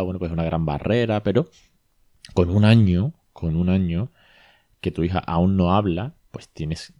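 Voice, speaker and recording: On his relaxed podcast, a bilingual parenting consultant with a mellow, deep voice talks through a consultation, retelling what was said with chatty asides and regular self-corrections. The sound is close and dry, without any room ambience.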